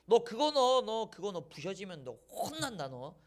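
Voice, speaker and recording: A blunt, commanding God who barks casual orders at his servant, as a man preaching puts him on. The voice swings up and down in lively turns. It sounds like a retold Bible scene inside a sermon. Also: high voice, moderate pace. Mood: bossy.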